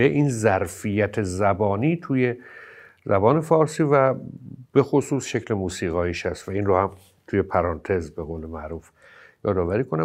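Low-voiced male lecturer, patient explainer who leans on example syllables. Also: creaky, darkish tone. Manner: explanatory, stresses example syllables with hesitant fillers. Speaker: teacher of Persian poetry. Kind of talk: lecture on poetic meter.

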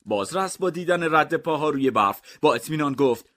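A man narrating comic mystery stories in a deadpan, even storytelling manner. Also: fairly high pitch.

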